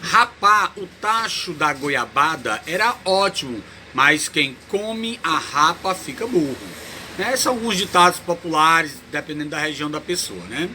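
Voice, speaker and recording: A man with a Cearense Brazilian accent teaching a Portuguese lesson, explaining slowly and checking in with "né?" after nearly every phrase. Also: a little high, animated, pushed and bright, a little hiss or hum. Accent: Ceará, Brazil. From Ceará, Brazil. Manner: explains slowly, tags lines with "né?", repeats words. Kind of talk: recorded online lesson.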